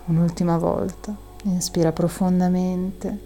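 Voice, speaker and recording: A woman leading a guided breathing meditation in a soft, soothing and calming manner, with long audible exhales. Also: on the low side, measured pace, slight background noise.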